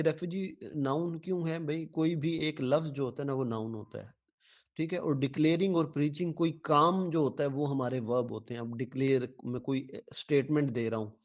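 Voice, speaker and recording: A man's voice: medium pitch, darkish tone, highs cut off. A male teacher giving an exam-prep lecture, patiently repeating words syllable by syllable and answering his own questions.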